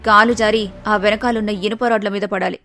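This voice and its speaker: A woman voicing a scheming, cruel older mother-in-law in an animated story, plotting in a spiteful tone. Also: medium pitch, fairly quick, faint music behind.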